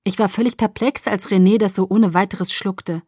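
A woman narrating a first-person novel as an audiobook, in a measured and expressive reading style. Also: mid-range voice, breathy edge, no echo, clean studio sound.

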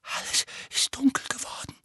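A man voicing a hoarse, frightened teenage boy. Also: extremely high pitch, bright, forceful tone, no echo, clean studio sound, pitched above the performer's own voice, heavily acted. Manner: shaky, halting murmur.

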